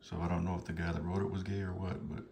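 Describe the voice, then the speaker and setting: A man in his fifties, a vlogger showing books from his collection, chats to viewers in a rambling, hesitant, amused and apologetic way. His voice is low, fast, gravelly and darkish, with little pitch movement. There's noticeable background noise.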